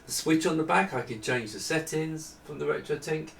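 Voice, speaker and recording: With a fairly high, gravelly and fairly bright voice at normal speed, a middle-aged presenter shows off retro computer hardware. He chats loosely and off the cuff, rambling and making fun of himself, from a desk in a small room. The recording is roomy, from a distant camera mic, with a bit of hiss or hum.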